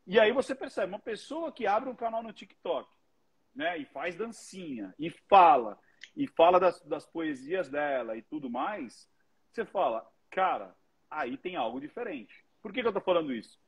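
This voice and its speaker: A man, a guest who teaches public speaking, telling stories in an animated way and swearing freely. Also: high-pitched, moderate pace, slightly rough. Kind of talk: casual commentary chat.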